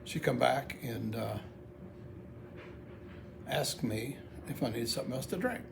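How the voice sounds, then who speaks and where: A man's voice: mid-range voice, animated, unhurried. A middle-aged or older American man tells a personal story in a plain-spoken, folksy, casual monologue. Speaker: amateur video storyteller. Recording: clearly audible background noise.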